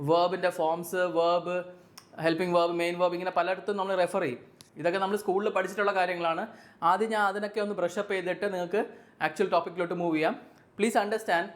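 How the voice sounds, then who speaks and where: Malayali man teaching grammar, high voice. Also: a bit bright. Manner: repeats key terms, asks and answers own questions. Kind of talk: classroom explanation mixing two languages.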